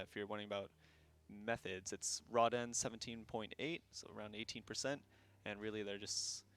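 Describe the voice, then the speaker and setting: A man chatting casually as a raid leader on a livestream. He speaks in a somewhat low voice, laid-back and loose, dotted with fillers and easy laughter. The talk is relaxed and unscripted.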